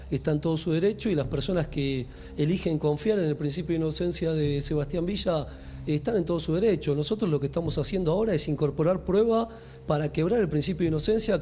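A man working as a lawyer, speaking formally and deliberately in a live TV interview outdoors on a handheld mic. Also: on the high side, mellow, a little hiss or hum. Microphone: handheld microphone.

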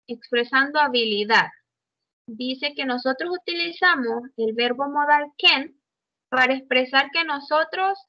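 A woman's high-pitched, bright and forceful voice leads an online class on English grammar, explaining in Spanish with English examples. She checks in with students frequently, and the recording is dull and muffled with no room sound.

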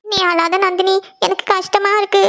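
A woman's voice: extremely high pitch, little pitch movement, normal speed, a bit bright, highs cut off. A woman voicing a caring young woman who coaxes her crying friend with repeated questions in a cartoon. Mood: coaxing. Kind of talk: cartoon voice acting.

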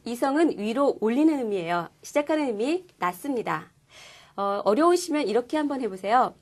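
A woman teaching a language class, explaining pronunciation clearly and patiently. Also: on the high side, expressive, a little fast. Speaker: Korean-speaking Chinese language teacher. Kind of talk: scripted lesson presentation.

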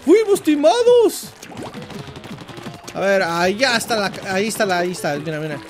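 A man with a Mexican accent hosting let's play commentary, joking and teasing himself with playful shouts. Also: sits high, fast talker. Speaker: gaming channel host. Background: game music.

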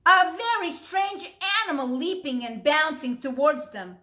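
A woman teacher reading a story aloud to young children, animated and asking them questions as she goes. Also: sits high, measured pace.

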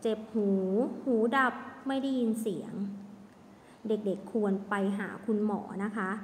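Woman teacher for small children, gentle sing-song delivery; roomy recording with faint background noise. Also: mid-range voice, a little slow. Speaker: kindergarten teacher. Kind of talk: online lesson for young children. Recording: echoey room with long reverb, faint ambience.

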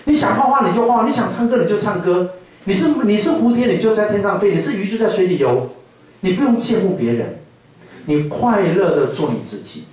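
A male pastor with a Taiwanese Mandarin accent, giving a playful, animated sermon to a youth camp. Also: sits high, fairly quick. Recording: echoey hall from far off.

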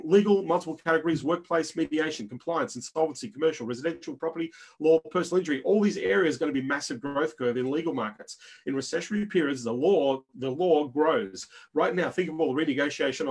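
Fast-talking Minnesota man with a husky voice. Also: on the high side. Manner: fast-talking, punchy lists, rhetorical "right?". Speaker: webinar presenter. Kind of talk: business webinar talk.

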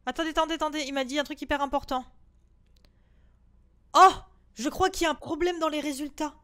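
A high-pitched young woman giving let's-play commentary on a horror game. She talks to her viewers in a chatty, swearing flow, stacking up rapid repeated words and letting out shrieks at the jump scares. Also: fairly even intonation, fairly bright tone. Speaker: gaming streamer.

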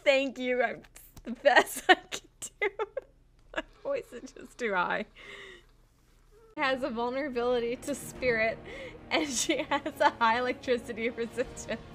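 A woman's voice: on the high side, measured pace, fairly bright tone. A woman streaming a video game, giggling often and exclaiming at what happens on screen. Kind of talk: casual gameplay commentary.

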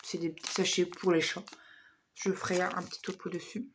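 A woman vlogger with a hoarse voice chatting casually through a shopping haul, hesitant and full of fillers. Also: on the low side, little pitch movement, moderate pace, a little hiss or hum.

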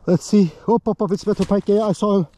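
A man fighting a fish on a frozen lake pours out breathless, excitable commentary to his viewers. He talks in a high, intense, forceful voice, outdoors in the open air. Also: fast. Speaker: fishing vlogger. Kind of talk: excited live commentary while ice fishing.

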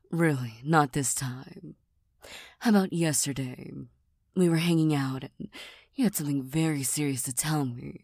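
Breathy low cat-girl, ASMR role-play by a woman. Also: unhurried, dry recording, clean studio sound, exaggerated voice. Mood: wry, reluctant. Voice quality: soft, breathy. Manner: deadpan, gently teasing, hesitant. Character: tired, serious, self-deprecating young cat-girl best friend.

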